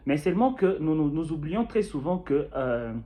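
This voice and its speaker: With a slightly high, dark-toned voice and lively intonation, a young man from Kinshasa talks at normal speed. He has a Congolese French accent and is a YouTuber casually telling the camera about his experience, with many fillers and restarts, on dull lo-fi audio.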